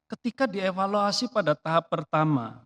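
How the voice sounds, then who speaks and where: Man, pastor, church sermon, high voice, chatty, rhetorical questions, loud-soft swings. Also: moderate pace. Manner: lively, conversational preaching with asides and rhetorical questions; swings between loud emphatic bursts and quiet low asides.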